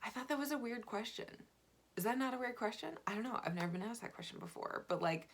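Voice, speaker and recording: A woman vlogger telling a dating story in a chatty, animated way, full of fillers. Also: a little high, quick pace. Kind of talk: casual dating storytelling to camera.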